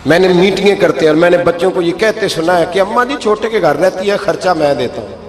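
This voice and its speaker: A man's voice: sits high, expressive. A man preaching a sermon in a mosque, emphatic, his voice climbing sharply when he acts out the people in his stories. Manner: emphatic, rises sharply when acting out quoted speech. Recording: echoey hall with faint music.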